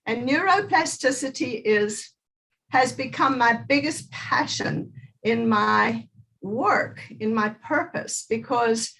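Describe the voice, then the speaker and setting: A woman giving an upbeat motivational talk, leading listeners in a gentle movement exercise with lively, repeated phrases. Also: on the high side, slow pace, gravelly, low-quality recording. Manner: energetic, chanting repeated phrases. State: out of breath after moving.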